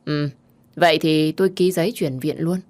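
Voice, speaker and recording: A woman voicing a matter-of-fact hospital doctor who speaks quickly and formally. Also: low-pitched, fairly even intonation, a little mellow, natural voice. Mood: clinical.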